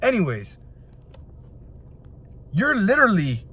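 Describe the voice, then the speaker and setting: Young male host, heated rant, slightly high voice, restless and jumping between points. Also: slow, slightly rough. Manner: frustrated, animated, jumps between points. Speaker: video host. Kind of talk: ranting opinion video.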